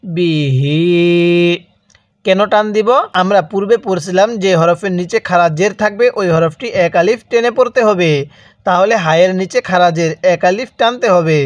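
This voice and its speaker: In this clean studio recording with no room sound, a high-voiced man from Bangladesh gives a step-by-step recitation lesson. He stretches every syllable out slowly, repeating and urging the learner to say it after him.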